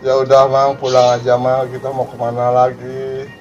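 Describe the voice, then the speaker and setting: A man's voice: mid-range voice, completely flat delivery, normal speed, a little mellow, dull audio, soft background music, natural voice. A man voicing a patient, grieving elderly father who speaks wearily and pleads in prayer, in a told story. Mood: weary.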